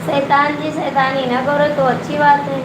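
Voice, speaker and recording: A woman's voice: sits high, level tone, moderate pace. A woman with an Awadhi accent hosting a phone live stream, teasing viewers and coaxing them to comment. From Awadh region, India. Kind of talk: casual chat with live viewers. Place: room with a running air cooler. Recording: echoey room, loud cooler noise.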